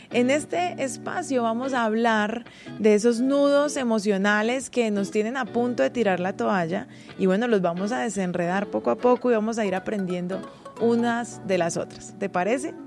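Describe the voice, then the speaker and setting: A woman, hosting a casual, confiding monologue and laughing often as she talks. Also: on the high side. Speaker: host.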